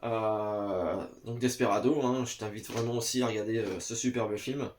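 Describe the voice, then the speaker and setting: A man's voice: fairly low pitch, fairly even intonation, moderate pace, darkish tone, slight background noise. A man chatting casually to the camera at home, hesitant and full of "euh" fillers, talking straight to the viewer. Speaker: vlogger reviewing VHS tapes. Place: home basement. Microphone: camera in front.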